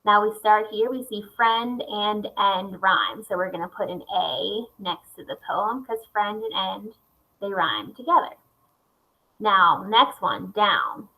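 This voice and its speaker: A woman's voice: mid-range voice, lively intonation, slow pace, sharp tone, low-quality recording. A young woman teacher explaining a lesson step by step in a patient way and reading examples aloud. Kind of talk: recorded classroom lesson.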